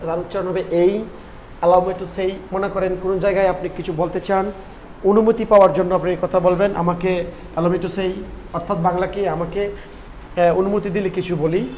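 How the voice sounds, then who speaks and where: A man's voice: sits high, a little mellow, muffled recording, a little hiss or hum. A man with a Bangladeshi accent teaching a spoken English lesson, repeating phrases and asking and answering his own questions.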